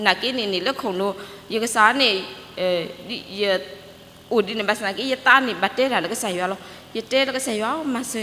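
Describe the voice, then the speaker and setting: Bright-voiced woman in a church hall. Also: a little high. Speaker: church speaker. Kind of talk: church talk. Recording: reverberant church hall, faint noise.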